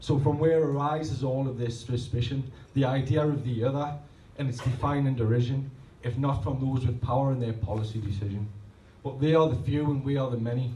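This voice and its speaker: This man in his 30s talks briskly with few pauses, his medium-pitched, dark voice staying fairly even over slight background noise. Performing at a poetry night in a pub function room, he alternates rhythmic, rhymed poems with loose, self-deprecating chatter, captured in a distant, roomy live recording with faint ambience.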